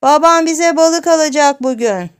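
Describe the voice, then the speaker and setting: A woman voicing a bratty little boy who brags and taunts in a high, childlike voice. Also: normal speed, clear, resonant tone, lightly acted. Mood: taunting. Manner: taunting, bragging.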